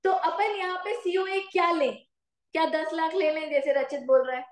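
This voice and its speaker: A woman commerce teacher giving a classroom lecture with an Indian accent, slowly dictating notes and asking her students questions. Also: very high voice, steady tone, roomy sound, low-quality recording. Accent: Indian English mixed with Hindi.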